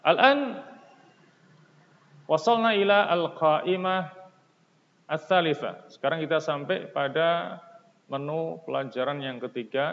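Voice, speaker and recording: Slow, deliberate male teacher, echoey lo-fi. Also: fairly high pitch, gravelly. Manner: slow, deliberate, translating each phrase. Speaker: Arabic teacher. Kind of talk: recorded classroom lesson.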